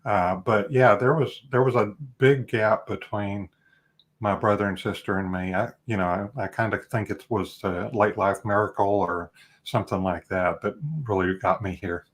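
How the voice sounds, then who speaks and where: Low-voiced man, earnest and reflective. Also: steady tone, moderate pace. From Texas. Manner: earnest, reflective, with many fillers. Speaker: guest, life coach. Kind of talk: casual interview conversation.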